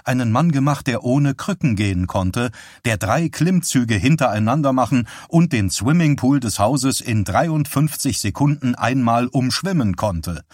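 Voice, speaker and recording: A man narrating an audiobook in a calm, even reading voice. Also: medium pitch, a little slow, no room sound, studio quality. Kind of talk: scripted narration.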